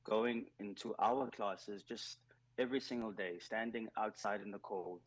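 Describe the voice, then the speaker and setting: A man from South Africa who leads a nonprofit program, talking in a radio interview in an earnest, measured way, with many ums and uhs. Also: on the low side, steady tone, dry recording, low-quality recording. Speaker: nonprofit digital skills program leader.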